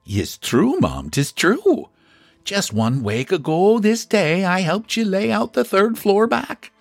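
A man voicing a gossipy old Irish housekeeper who speaks with an Irish accent in a husky, admiring way. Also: high voice, sing-song, slow, dry recording, pitched above the performer's own voice, full character voice.

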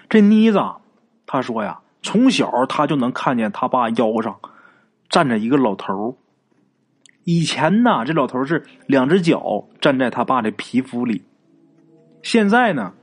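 Speaking at an ordinary middle pitch with a slightly rough voice, a man tells a ghost story as though chatting. He fills it with filler particles and small asides, keeping it loose and conversational instead of scripted.

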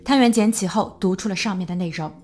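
A woman narrating a true crime podcast in a measured storytelling voice, building suspense as she goes. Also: mid-range voice, darkish tone, faint music behind. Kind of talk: scripted narration.

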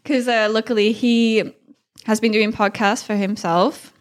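A woman's voice: a little high, fairly even intonation, unhurried. A woman with a mixed Thai-English accent chats casually as a solo podcast host, candid and informal in a rambling way. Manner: candid, informal, rambling, with frequent slang and mild swearing.

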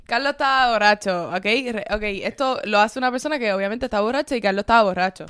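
A young woman telling a story in casual chat, animated and switching into English. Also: on the high side, quick pace, clear, resonant tone. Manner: animated, mixes English into Spanish.

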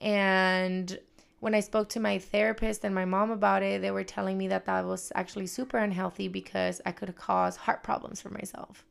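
A woman's voice: mid-range voice, little pitch movement, moderate pace, gravelly, clean tone. A woman co-hosting a podcast, telling a personal story candidly in casual chat. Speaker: podcast co-host.

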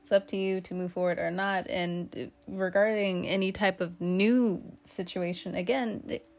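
A woman's voice: mid-range voice, fairly even intonation, moderate pace. A woman giving a casual tarot reading, chatty and teasing, with lots of fillers. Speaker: tarot reader.

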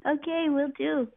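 A woman calling in to a talk show over the phone, bubbly and quick to laugh. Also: sits high, vocal fry, no room sound. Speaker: caller. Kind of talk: call-in radio chat. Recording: tinny phone line, dry.

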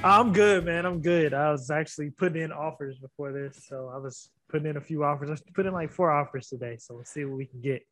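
A man's voice: fairly high pitch, a little fast, hardly any pauses, fairly bright tone, soft background music. A man co-hosting a podcast, laid-back and slangy in casual chat. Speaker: podcast co-host.

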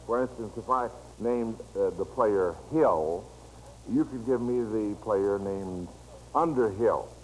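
On a noisy vintage radio broadcast, an American man hosts an old-time quiz show with a fairly low, slow voice. He's folksy, chatting with listeners as if they were friends.

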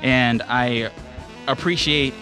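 A man hosting a radio show in natural, unscripted talk, casual and halting as he feels his way along. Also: mid-range voice, steady tone, pushed and bright. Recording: music playing under the voice. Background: background music.

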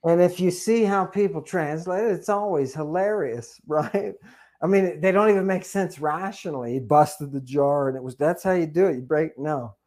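A man talking as a podcast guest, animated, with many fillers and questioning "right?" tags. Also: a little high, normal speed. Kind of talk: conversational podcast discussion.

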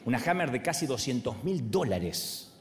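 A man's voice: mid-range voice, normal speed. A man in his forties with an Argentine accent, a pastor preaching a humorous sermon and acting out the voices in his stories. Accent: Argentine Spanish. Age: 40s. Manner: animated, acts out other voices, laughs along.

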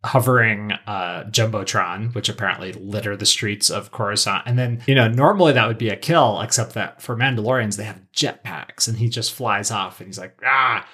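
A man with a bright, forceful tone chats through a plot recap as a podcast co-host. His delivery is breezy and jokey, with a loose conversational flow. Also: lowish voice, fairly quick, few pauses, husky. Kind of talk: casual recap chat.

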